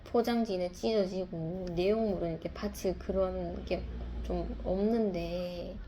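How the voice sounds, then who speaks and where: A woman's voice: lowish voice, fairly even intonation, unhurried, dark tone, a little hiss or hum. A woman, a mother, telling a reflective personal story in a confessional, rambling way, full of fillers and restarts. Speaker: mother sharing a testimony.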